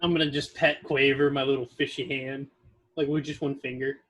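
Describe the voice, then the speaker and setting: A man's voice: medium pitch, level tone, a little fast, a bit bright. A man playing in a tabletop game, playful and scheming. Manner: playful, scheming, laughs often. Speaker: player. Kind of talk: casual tabletop play.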